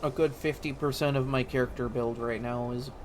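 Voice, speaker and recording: A man's voice: mid-range voice, fairly even intonation, a little fast, a little hiss or hum. A man hosting a gaming video with casual, slangy let's-play commentary and a wry, joking manner.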